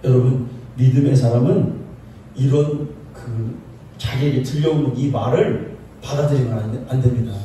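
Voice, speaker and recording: A man's voice: medium pitch, normal speed, warm tone. A man preaching a conversational sermon as a pastor, often calling out to his congregation and acting out the voices of the people in his story. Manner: calls out to the congregation, acts out quoted voices. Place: church sanctuary. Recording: echoey church from far off, faint noise.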